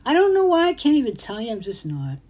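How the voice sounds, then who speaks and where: A middle-aged woman hosts a casual craft show, chatty and rambling, and she gets excitable. Her voice sits a little high. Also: fast, a crowd in the background, rough recording. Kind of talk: casual chat.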